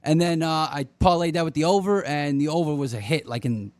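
A man's voice: a little high, a little fast, a little mellow, no room sound. A man co-hosting a sports radio show, chatting in a laid-back way about his bets. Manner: laid-back, laughs often. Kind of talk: casual sports radio banter.

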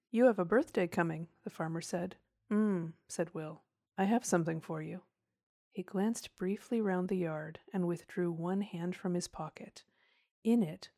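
A woman narrates a storybook in a measured, expressive way. Her voice is low and mellow, and the recording is close and dry with no room sound. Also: dry recording. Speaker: audiobook narrator.

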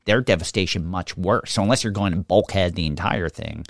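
Deep-voiced man. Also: a little fast, creaky, no room sound, clean studio sound. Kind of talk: casual chat.

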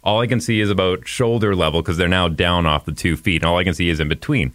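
A man's voice: deep voice, fairly even intonation, quick pace, a bit bright, no room sound. A man casually telling a story on a podcast, rambling with many restarts. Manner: rambling, restarts, breaks into laughter. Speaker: podcast host.

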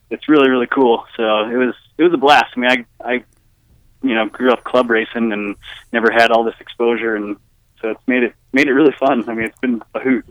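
Laid-back man guest on a clear dry line. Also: mid-range voice, dry recording, low-quality recording. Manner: laid-back, easygoing, many fillers. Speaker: guest racer. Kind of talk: casual phone interview.

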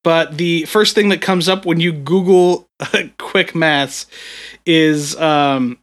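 Bright-voiced man rambling on a podcast. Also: fairly high pitch, slow. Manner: rambling, with frequent fillers and restarts. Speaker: podcast co-host. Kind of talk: casual gaming podcast chat.

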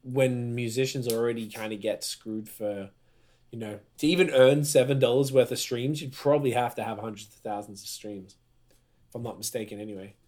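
A man's voice: medium pitch, fairly even intonation, fairly quick, darkish tone. A man hosting a podcast in casual chat, rambling and slangy, often hunting for words. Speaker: podcast host.

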